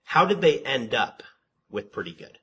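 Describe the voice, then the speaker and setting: A man with a mid-range, slightly breathy voice teaches a Bible study at a normal speed, in a conversational sermon style. He poses rhetorical questions, repeats himself, restarts words, and describes his own voice as monotone.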